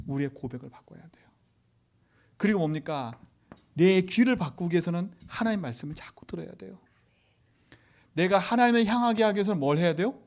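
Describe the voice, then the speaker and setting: A male pastor giving a sermon. He asks the congregation rhetorical questions and swings from loud exhortation to near-whispers. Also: high voice, lively intonation, fairly quick, long pauses.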